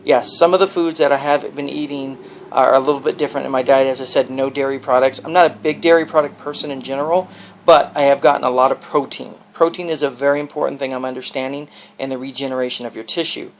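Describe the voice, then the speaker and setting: A man records a casual, personal video log, explaining and advising as he goes. His voice is gravelly, with plenty of creak. He rambles earnestly from one point to the next. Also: mid-range voice, fairly even intonation, fast, slight background noise. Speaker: video blogger.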